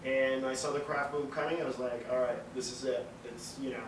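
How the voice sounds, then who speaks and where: A man from Montreal, Quebec, Canada, whose first language is French, speaks in a mid-range voice with a steady tone, a little fast, on an echoey, distant mic with background noise. He's a distillery founder guesting on a casual podcast interview, telling rambling stories full of fillers and swearing.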